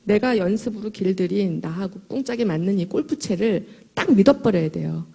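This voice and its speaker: A middle-aged woman giving a lively, emphatic motivational talk to a live audience in a large hall, her voice a little hoarse and chatty, joking with the listeners as she goes. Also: mid-range voice, a little fast. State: slightly hoarse. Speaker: motivational speaker at a sales event.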